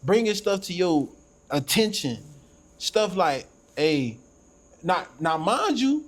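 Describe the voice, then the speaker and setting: Host, male, high voice, preachy and emphatic, casual faith talk. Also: sing-song, slow pace. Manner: preachy, emphatic, repeats phrases. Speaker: podcast host.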